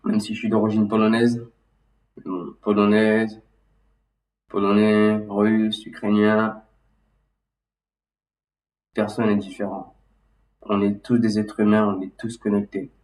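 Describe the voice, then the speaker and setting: A man talking casually and loosely about his memories, halting and restarting often with lots of fillers. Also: on the low side, completely flat delivery, a little mellow. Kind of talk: casual rambling monologue. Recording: roomy echo, mic at a distance.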